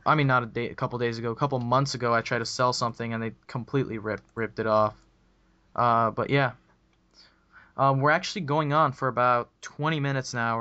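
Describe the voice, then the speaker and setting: A young man chatting loosely on a podcast, full of ums and false starts. His voice is mid-pitched and comes through a dull, muffled headset mic. The sound is dry and close. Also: bright, forceful tone, clean tone, no echo. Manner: rambling, many ums and restarts. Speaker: podcast host. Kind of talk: casual podcast chat.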